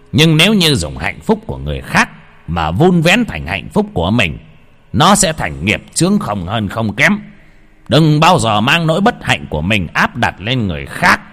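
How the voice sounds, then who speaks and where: A man narrates a ghost story dramatically. His husky voice swings widely in pitch. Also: a bit bright.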